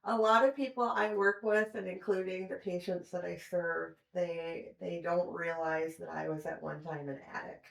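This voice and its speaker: A woman speaking as a recovery coach in a podcast interview, calm and unbothered. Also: fairly low pitch, normal speed, gravelly, hardly any pauses. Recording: echoey room.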